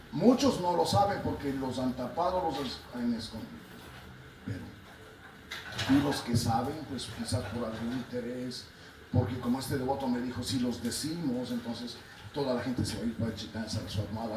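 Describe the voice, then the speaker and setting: Peruvian man giving a spiritual talk, roomy echo. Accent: Peruvian Spanish. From Peru. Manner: storytelling, quoting his teachers, animated rises in pitch. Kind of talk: sermon. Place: talk in a room in Lima. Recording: roomy, distant mic, noisy background.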